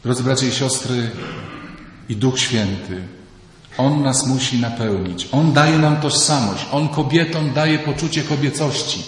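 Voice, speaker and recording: A man's voice: medium pitch, a little slow. Echoing preaching priest, man. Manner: lively preacher who acts out everyday voices. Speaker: priest giving a retreat talk. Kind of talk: sermon. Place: large echoing church. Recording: echoey hall, distant mic.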